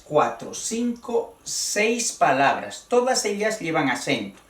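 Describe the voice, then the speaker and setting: A man teaching a grammar lesson, slow and deliberate, repeating key words as he explains. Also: a little high, recorded from a distance. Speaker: Spanish teacher. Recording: roomy sound from away from the mic.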